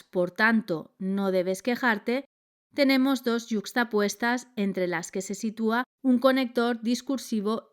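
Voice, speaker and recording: Woman, grammar lesson narration, very slow pace, measured. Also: fairly high pitch, clear, resonant tone. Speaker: grammar teacher.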